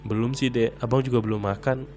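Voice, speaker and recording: A man voicing an injured young man who speaks softly and apologetically in a spoken story. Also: medium pitch, steady tone, fairly quick, soft background music, lightly acted. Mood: gentle.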